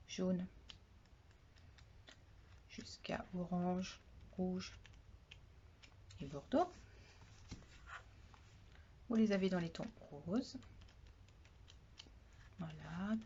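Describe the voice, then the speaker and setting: A soft-spoken woman demonstrating craft supplies in a chatty product haul vlog, often trailing off quietly, on a dull lo-fi recording with faint noise. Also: fairly low pitch, vocal fry. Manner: chatty, repeats "voilà" often. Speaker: craft vlogger.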